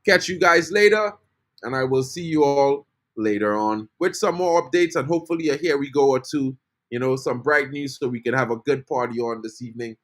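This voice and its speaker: A football fan channel host from Trinidad speaks briskly in a medium-pitched, fairly bright voice during a casual live stream. Chatty by nature, he greets viewers in the chat and uses "bro" often.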